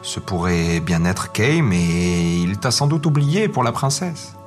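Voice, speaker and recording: Figure: a man voicing a thoughtful talking crow. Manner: slow, hesitant, hushing. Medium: storybook with faint music. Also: deep voice, sing-song, exaggerated voice. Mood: soothing.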